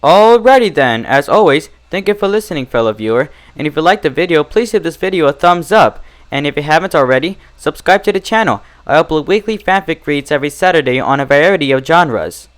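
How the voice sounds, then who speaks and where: Hosting his own channel, this man narrates and critiques fan fiction from a script. His delivery is measured yet expressive, with a pitch that bounces around energetically.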